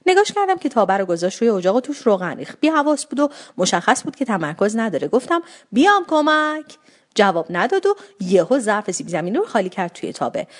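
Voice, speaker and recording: A woman narrating a first-person story with a wry, comic, animated delivery. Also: medium pitch.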